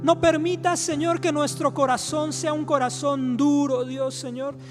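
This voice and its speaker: A man's voice: extremely high pitch, level tone, measured pace. A male pastor closing a sermon and leading a fervent prayer in a church, repeating the words for God between every phrase. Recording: music playing behind the voice.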